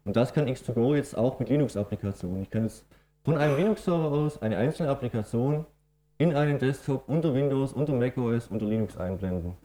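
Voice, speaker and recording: A middle-aged man from Swabia, Germany, gives a technical conference presentation in a Swabian German accent. His mellow, dark, mid-range voice moves fast as he explains things plainly and matter-of-factly, with frequent "ähm" fillers.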